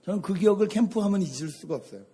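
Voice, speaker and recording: A middle-aged man, a pastor, preaching a sermon and telling a lively personal story. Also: sits high, rapid-fire, husky. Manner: storytelling, animated anecdotes.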